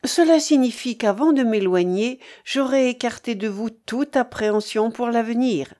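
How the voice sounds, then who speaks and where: A woman's voice: a little high, normal speed, darkish tone, lightly acted. A woman reading a resolute, earnest young daughter. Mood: firm. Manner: earnest, firm, passionate. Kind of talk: audiobook character reading.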